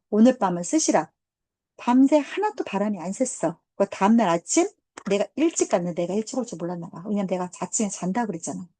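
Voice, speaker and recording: Woman, teacher type, indignant storyteller who acts out quotes; warm low tone, dead dry recording. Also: no echo. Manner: indignant, animated retelling with quoted dialogue. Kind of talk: casual storytelling.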